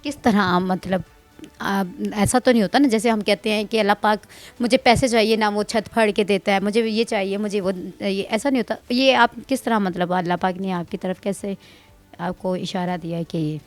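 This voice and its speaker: A woman's voice: mid-range voice, dry recording, faint music behind. Polite woman interviewer. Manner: polite, encouraging questions. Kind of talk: casual interview.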